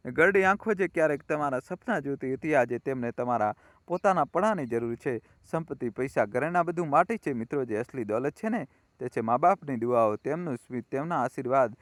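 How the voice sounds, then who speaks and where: A man narrating a family story in a heartfelt, preaching manner, turning often to his listeners as friends. His voice sits at an ordinary pitch for a man. The recording is dry and close, with no room sound. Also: animated, brisk, no room sound.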